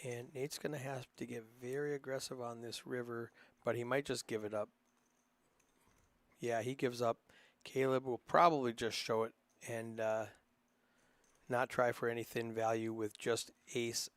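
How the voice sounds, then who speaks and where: Man with a northern Minnesota accent, loose chatty poker play-by-play, mid-pitched voice, dry close sound. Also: flat delivery, unhurried, pauses often, no room sound. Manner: casual, chatty, rambling with frequent fillers. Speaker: poker commentator. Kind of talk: live poker play-by-play commentary.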